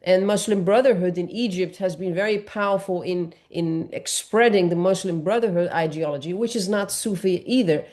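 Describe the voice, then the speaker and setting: Woman, earnest panel speaker, low voice. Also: moderate pace, few pauses, a little mellow. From Morocco. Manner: earnest, explanatory, with frequent restarts. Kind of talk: panel discussion.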